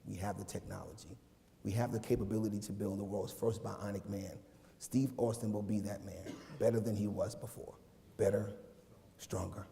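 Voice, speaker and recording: A grave male announcer intones in a measured, dramatic way, as a preacher puts him on. The voice is low and mellow. It rings out with a long church reverb. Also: fairly even intonation, creaky. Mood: solemn.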